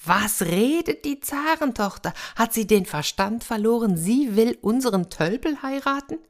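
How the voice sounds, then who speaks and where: A woman's voice: deep voice, moderate pace. A woman voicing the scornful elder brothers in a storybook tale, talking down to their youngest brother. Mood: indignant. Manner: mocking, dismissive.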